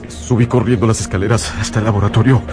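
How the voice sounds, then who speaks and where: An actor playing Victor Frankenstein, a frantic, haunted young scientist, in a theatrical radio drama with agitated, halting delivery. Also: male voice, on the low side, steady tone, natural voice. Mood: haunted recollection. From Geneva, as the figure. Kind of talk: radio drama acting and first-person narration. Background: music.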